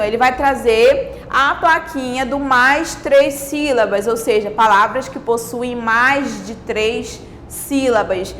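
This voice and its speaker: Brazilian woman, primary teacher, video lesson; patient and drawn-out, slightly high pitch, faint background noise. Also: a bit bright. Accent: Brazilian Portuguese. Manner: patient, slowly stretches out example words, frequent "né?" and "tá?" checks. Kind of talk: recorded grammar video lesson.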